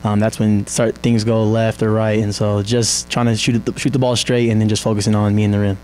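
Young male athlete, postgame interview, low flat delivery, halting and soft-spoken. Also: faint music behind. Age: young adult. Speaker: college basketball player. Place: press backdrop indoors. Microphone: handheld mic held by interviewer.

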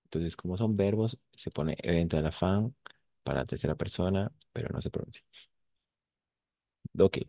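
A man's voice: sits low, fairly quick, mellow, no echo, dull audio. A male French teacher giving an online class, patiently repeating words and switching into Spanish to explain them.

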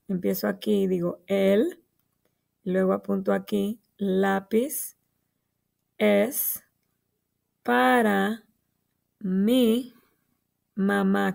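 Slow, gravelly woman teacher. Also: a little high, darkish tone. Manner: patient, spells out letters and points word by word. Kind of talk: slow early-grade writing lesson for children.

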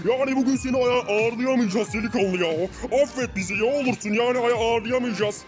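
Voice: medium pitch, a little fast, soft background music, lightly acted. A performer voicing a smug, patronizing rich man in a block-game cartoon parody, honeyed and singsong. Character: smug rich man, sweet-talking and dismissive.

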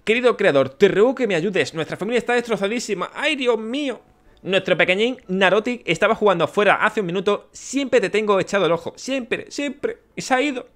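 A man putting on a frantic, high-pitched Spanish village father. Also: expressive, brisk, fairly bright tone. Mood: pleading. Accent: Spain. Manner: pleading, breathless and high-strung.

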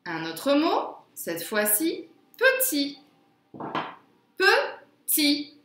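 A woman teaching a phonics lesson to young children, sounding out words slowly and carefully. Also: fairly high pitch, sing-song, fairly bright tone, roomy sound. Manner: slow, careful, drawn-out word pronunciation.

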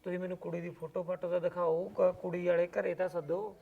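A woman plays a gullible young village man who wants a bride. The voice is gravelly and rushed. He haggles warily but gives in easily. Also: lowish voice, little pitch movement, lo-fi sound, very noisy. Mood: wary. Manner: wary, haggling, easily placated. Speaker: devar in a comedy skit.

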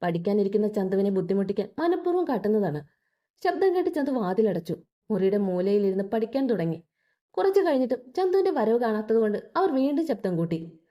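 Expressive woman storyteller. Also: mid-range voice, a little fast, lo-fi sound. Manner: expressive, voices all characters. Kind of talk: storybook narration.

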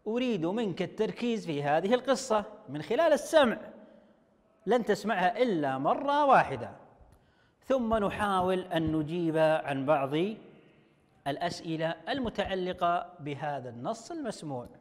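A male teacher giving an online language lesson to young children, slowly sounding out words syllable by syllable. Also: high-pitched, very animated, in a large hall. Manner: slow, drawn-out syllable-by-syllable explaining. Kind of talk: online Arabic lesson for first graders.

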